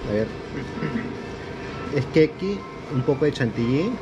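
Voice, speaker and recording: A young man with a Peruvian accent chats through a food-tasting vlog. He explains dishes to the camera in a relaxed, talkative way. Restaurant music plays clearly behind him, picked up by a camera on the table. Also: mid-range voice, unhurried, dull audio. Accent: Peruvian Spanish. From Peru. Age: young adult. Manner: chatty, explains to viewers, reacts loudly to spicy food. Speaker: vlogger host. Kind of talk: casual food-tasting chat. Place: indoor sushi restaurant.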